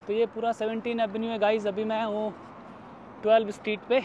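A man's voice: sits high, completely flat delivery, a little fast, a little mellow, dull audio, a little hiss or hum. A man in his thirties from India, chatting casually to viewers as he vlogs outdoors on city streets at night, phone held at arm's length. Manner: chatty, addresses viewers as guys and brother. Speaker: vlogger. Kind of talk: casual vlog narration.

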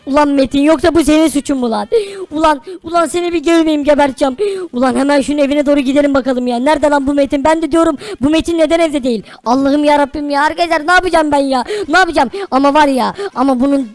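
Man voicing a hot-tempered, swearing rival; high and fast, dry close sound. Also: steady tone, no echo. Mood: angry. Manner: ranting, threatening, swearing. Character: hot-tempered grown man fuming over theft. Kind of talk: Minecraft role-play.

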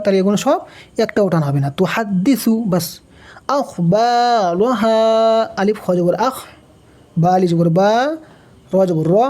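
A man with a Bangladeshi Bengali accent teaching Quran reading, spelling out letters and vowel marks, then chanting the words slowly in a higher tone. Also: dark tone. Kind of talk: step-by-step recitation lesson.

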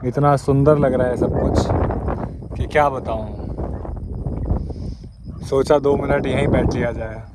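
This is a man vlogging on foot by a roadside and chatting casually to his viewers. His pitch sits in a middle range, and he keeps an easy, talkative tone. Clear outdoor noise and passing vehicles are heard behind him. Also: steady tone, unhurried, long pauses. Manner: chatty, addresses viewers as brothers and guys; talks while walking on foot. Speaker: walking travel vlogger. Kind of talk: casual vlog talk to camera.

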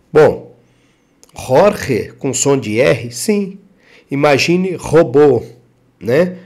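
A man giving a casual online language lesson. He repeats example phrases slowly and drawn out, and checks in with the listener often. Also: a little high, creaky, a little mellow. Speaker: language teacher for truck drivers.

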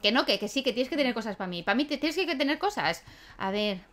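A woman's voice: a little high, expressive, quick pace, a bit bright. A young woman, chatting casually as she plays a life-sim game and talks to her characters, laughing often. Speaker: gaming YouTuber. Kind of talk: casual let's-play commentary.

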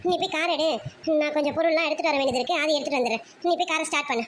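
A man voicing a practical middle-aged mother who gives hurried instructions, on a dull lo-fi cartoon recording. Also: very high voice, a bit bright, slight background noise, voice pushed up. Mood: brisk.

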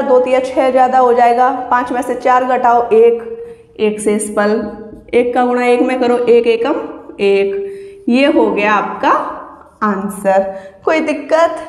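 A woman's voice: high-pitched, darkish tone. A woman teacher explaining exam math step by step, patiently asking and answering her own questions. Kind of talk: exam-prep math lesson. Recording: echoey room with long reverb.

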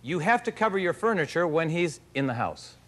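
A man hosting a TV game show in a studio, bantering playfully with celebrity contestants and reading clues. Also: on the high side. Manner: lively, playful, quick banter. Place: TV studio with live audience.

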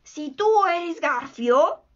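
A woman gives voice to a blustering male pirate captain in a storybook reading. He exclaims and demands in a slow, drawn-out voice. The recording sounds dull and lo-fi. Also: sits high, lively intonation, exaggerated voice. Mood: shaken, demanding.

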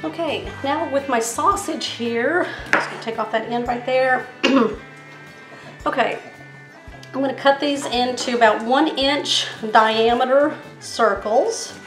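A chatty woman walks through a home recipe step by step, her voice sitting a little high. The kitchen sounds roomy and echoey, with soft music faintly under her. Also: slow. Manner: chatty, step-by-step, savoring the food. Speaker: cooking channel host. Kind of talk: casual cooking demonstration. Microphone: camera framed on hands and countertop.

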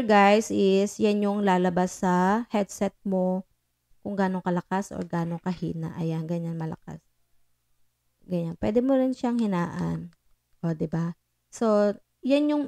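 A woman's voice: mid-range voice, vocal fry, a little mellow. A woman vlogger chatting casually while demoing a portable sound card into her microphone, mixing English in with many fillers. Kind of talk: casual tech demo chat.

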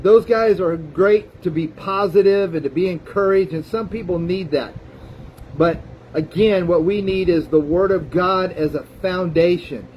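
High-voiced male pastor preaching. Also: darkish tone, slight background noise, rough recording. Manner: folksy preaching, frequent "amen" call-outs, some restarts. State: has the hiccups. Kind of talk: sermon.

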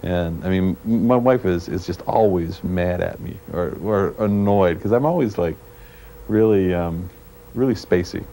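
Deep-voiced man on a worn tape copy. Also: mellow. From Canada. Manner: halting, searching for words. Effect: worn VHS tape copy with faint hiss. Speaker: programmer being interviewed. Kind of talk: casual interview talk. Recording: worn tape with faint hiss.

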